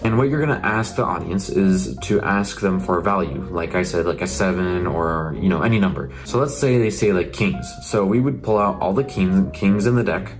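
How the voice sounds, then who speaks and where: Low-voiced man teaching casually over music. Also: normal speed, hardly any pauses. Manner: informal, repetitive instructing. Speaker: magic tutorial presenter. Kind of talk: casual step-by-step tutorial narration. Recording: music playing behind the voice.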